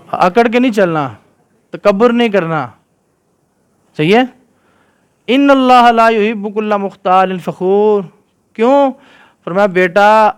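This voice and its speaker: A man's voice: high voice, clear, resonant tone. A man giving a religious lesson to children, reciting verses in Arabic and often asking his listeners whether they follow. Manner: keeps quizzing listeners with "right?". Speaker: Islamic scholar teaching children.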